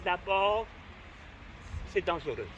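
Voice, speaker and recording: A man voicing a very old village woman who speaks in a small, hushed voice and scolds him sharply. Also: sits high, lively intonation, slow, dull audio, slight background noise, exaggerated voice.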